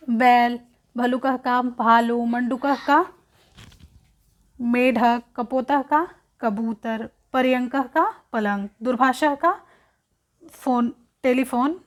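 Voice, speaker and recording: Female teacher, higher-pitched, unhurried delivery, repeats each word while explaining the lesson. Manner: slow, repeats words, asks and answers own questions. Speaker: Sanskrit teacher.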